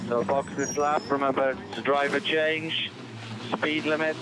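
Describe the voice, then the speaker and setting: A man's voice: medium pitch, flat delivery, unhurried, background noise. A man as race engineer, giving clipped, terse pit radio calls over team radio. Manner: clipped, instructional. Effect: terse pit radio call over team radio.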